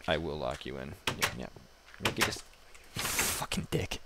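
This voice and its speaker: Gravelly deep-voiced man rambling through gameplay. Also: lively intonation, a little fast. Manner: rambling, self-deprecating, occasional swearing. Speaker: gamer. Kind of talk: casual gameplay commentary. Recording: noisy home mic recording.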